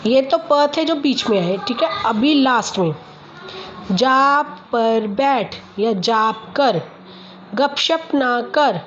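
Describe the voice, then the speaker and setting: A woman from Punjab, a mother, casually explaining how she practises sounds and sentences with her child, slowing down to model each sentence clearly. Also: high voice, a little mellow, highs cut off, a little hiss or hum.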